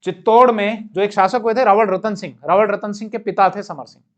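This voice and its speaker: A man teaching a history lesson in a classroom style. He explains as he goes, with asides and quick self-corrections, and speaks. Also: high-pitched.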